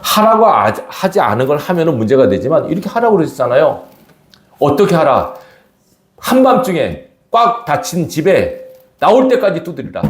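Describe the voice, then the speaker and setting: A man's voice: on the high side, noisy background. A middle-aged man preaching a sermon as pastor, questioning the congregation as he goes. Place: church sanctuary. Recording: echoey church hall.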